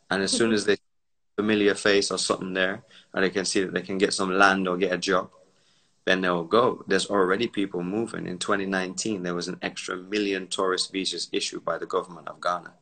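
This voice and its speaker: The audio quality is low on this casual live-stream, recorded on a phone at home. A man from Barbados who grew up in the UK, an entrepreneur and commentator, speaks in a low-pitched voice that sounds pushed and bright. He lectures emphatically at length, acting out the voices of those he quotes.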